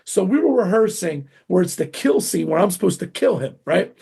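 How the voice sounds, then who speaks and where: A middle-aged man, a martial arts grandmaster, telling animated stories in an interview, acting out quotes with sudden jumps in pitch. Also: brisk, creaky, husky. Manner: excitable, acts out quotes with big pitch jumps.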